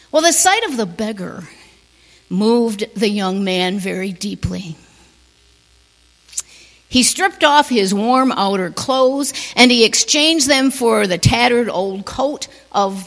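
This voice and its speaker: A woman preacher telling a story in a gentle sermon, sometimes dropping to a near whisper, in a long church reverb. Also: on the high side. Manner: slow, gentle, drops to a near whisper on key lines.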